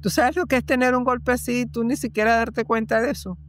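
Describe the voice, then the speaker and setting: A woman's voice: a little high, fairly even intonation, a little fast. A woman guest in an interview, telling a personal story earnestly and repeating phrases for emphasis.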